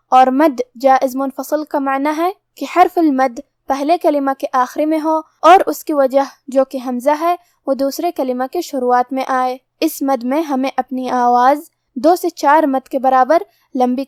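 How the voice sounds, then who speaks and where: A woman teaching Quran recitation, explaining pronunciation rules in a measured, methodical way. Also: high voice, no room sound, clean studio sound. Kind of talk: step-by-step recitation lesson.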